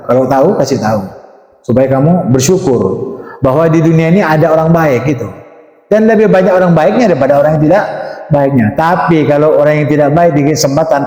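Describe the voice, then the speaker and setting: A man's voice: a little high, quick pace, dark tone. A man preaching a Quran commentary sermon, asking the audience frequent rhetorical questions. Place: mosque or religious school hall. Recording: echoey hall reverb.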